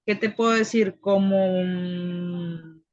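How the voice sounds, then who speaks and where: A woman's voice: on the low side, steady tone, takes it slowly, darkish tone, dry recording. A woman student asking questions in class, hesitant and searching for words. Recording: dry, lo-fi sound.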